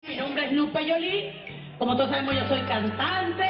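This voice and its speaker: A woman's voice: high-pitched, normal speed. A Cuban woman from Santiago de Cuba, a singer telling her own life story in a folksy, emphatic way, calling her listeners brothers. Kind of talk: first-person life storytelling. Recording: roomy, dull archival recording with music.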